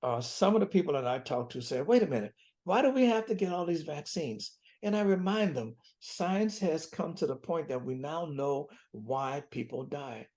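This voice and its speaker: A man's voice: fairly high pitch, expressive, moderate pace, a little mellow. A man in his seventies, a physician guest in an interview, speaking earnestly and repeating key phrases for emphasis. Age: 70s. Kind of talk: interview conversation.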